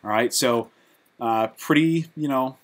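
A man giving a casual screen-recorded coding lesson, halting and full of fillers as he works at his computer. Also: medium pitch. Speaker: programming instructor.

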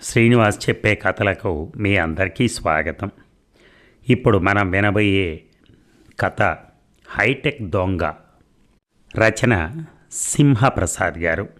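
A man narrating a comic story as an audiobook storyteller, steady and clear. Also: fairly low pitch, slow pace, long pauses.

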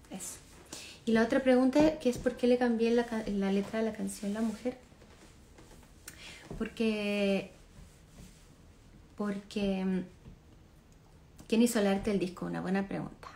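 Here a singer from Chile, in her thirties, reads fan comments during a home livestream, her phone camera held at arm's length in the living room. The mid-range voice has a dark, mellow quality, and a slight hiss or hum sits under it. Easygoing and chatty, she laughs frequently and drifts off with filler words.

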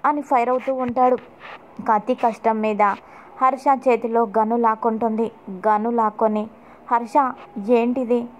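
A woman narrating her channel's recap of a TV serial episode in brisk storytelling. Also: a little high, little pitch movement, a little mellow, highs cut off.

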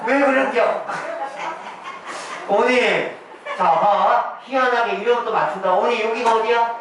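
High-voiced man chanting game calls in an echoey hall. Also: measured pace, crowd noise. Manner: rhythmic chanted call-outs, playful teasing. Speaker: senior recreation instructor. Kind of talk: leading a clapping game for older women. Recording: very echoey room, far from the mic, noisy.

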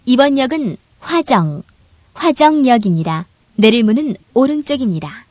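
Woman, train announcement over onboard speaker, formal and polite, fairly high, melodic delivery, dull dry recording. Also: very animated, a little mellow, no echo. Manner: formal, polite, evenly measured. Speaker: subway announcer.

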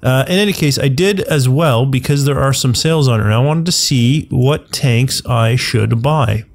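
In casual commentary on a video game, a man with a mid-range voice speaking at normal speed hosts his gaming channel despite flu congestion. He rambles, reasons aloud, and keeps correcting himself.

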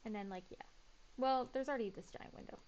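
A woman's voice: on the high side, fast, a little mellow, muffled recording, a little hiss or hum. Chatty woman thinking aloud over gameplay. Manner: chatty, thinks aloud and mutters to herself while building. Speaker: gaming YouTuber. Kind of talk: casual gameplay commentary.

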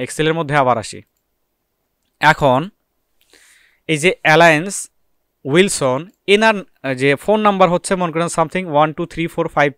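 A man's voice: on the high side, a bit bright, clean tone, dry recording, clean studio sound. A man teaching a screen-recorded data entry tutorial, explaining step by step and answering his own questions.

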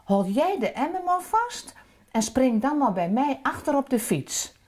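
A woman with a Drents accent voicing a steady, helpful older gnome brother who speaks in a reassuring, matter-of-fact way. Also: high-pitched, a little slow, voice pushed up, exaggerated voice.

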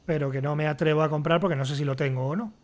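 A man's voice: on the high side, fairly even intonation, very fast. A man with a Castilian Spanish accent reading game text aloud and commenting casually, with wry asides. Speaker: gamer playing and commenting.

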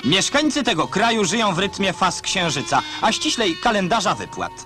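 A man narrates an old-style newsreel in a high, sweeping voice that rises and falls a great deal. His commentary is dry and ironic. Loud music runs beneath every line. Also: big pitch swings, moderate pace. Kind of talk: 1960s newsreel voice-over.

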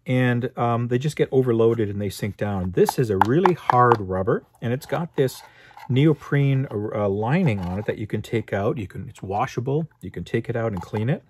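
A man's voice: mid-range voice, lively intonation, moderate pace, background noise. A man hosting his own show, casually reviewing car accessories in an easygoing way, with lots of uh and um fillers. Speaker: host.

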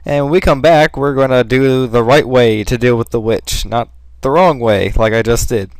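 A man's voice: medium pitch, normal speed, no echo. Male let's play host, sarcastic asides, dry close mic. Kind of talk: casual gameplay commentary.

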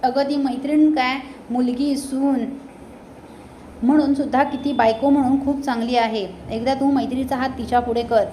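A woman's voice: sits high, fairly even intonation, moderate pace, dark tone, roomy sound, a little hiss or hum, natural voice. A woman voicing a stern middle-aged mother-in-law who lectures and reproves. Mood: reproving.

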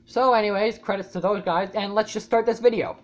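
A woman YouTuber giving casual reaction commentary, rambling and swearing often, with loud startled outbursts. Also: medium pitch, a little fast, muffled recording. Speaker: YouTuber reacting to a fan animation.

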